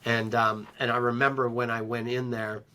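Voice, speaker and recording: Bright-voiced middle-aged man telling his story. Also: mid-range voice, flat delivery. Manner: unhurried and reflective, with frequent ums and restarts. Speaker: interview guest. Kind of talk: personal storytelling in conversation.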